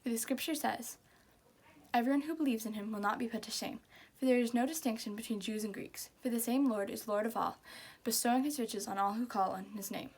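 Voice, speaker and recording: A woman with a fairly high voice recites scripture from memory. She delivers the memorised verses by rote, one line after another. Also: fairly quick.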